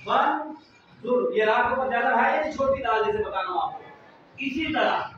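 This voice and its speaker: A man teaching children to read the Quran, asking questions and repeating them, drawing out each sound slowly. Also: extremely high pitch, animated. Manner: slow, drawn-out pronunciation drills. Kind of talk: classroom lesson. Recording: very echoey, distant, muffled, slight noise.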